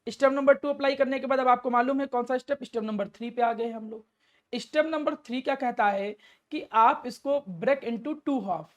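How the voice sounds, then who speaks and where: A woman's voice: sits high, moderate pace. Woman teaching chemistry step by step. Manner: step-by-step, asks and answers her own questions; affectionately addresses the student. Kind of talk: classroom lecture.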